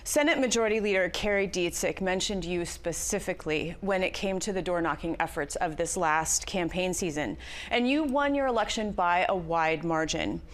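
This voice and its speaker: A woman interviewer asking prepared questions in a measured, formal broadcast manner. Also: on the low side.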